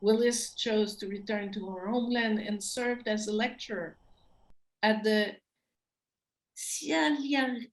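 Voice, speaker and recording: A woman's voice: mid-range voice, level tone, moderate pace, echoey room, poor audio. A woman with a French accent introducing speakers at an online event, hesitant and tripping over names. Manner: hesitant, stumbling over names with small laughs.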